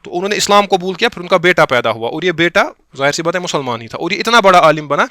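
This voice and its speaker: A man from Kashmir teaching a class, reading out a text slowly and explaining it line by line, often checking that his students follow. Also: high-pitched, animated, bright, forceful tone, no room sound, studio quality. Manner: explains slowly, reads Arabic text then glosses it, checks understanding with the class; quotes lines slowly and deliberately. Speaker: instructor. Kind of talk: classroom lecture on a religious text.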